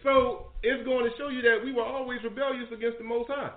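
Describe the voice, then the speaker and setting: A man teaching a live-streamed Bible study, reading verses aloud and retelling scripture in an animated, preachy way. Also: very high voice, fairly quick. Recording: echoey, phone-like stream audio.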